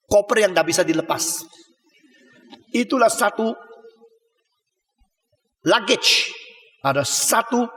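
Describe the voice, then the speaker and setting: A man preaching a sermon in a large church hall, his voice pitched high for a man, with a long reverb trailing each phrase. He speaks, mixing colloquial asides and rhetorical questions with sudden loud, high-pitched bursts. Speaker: pastor.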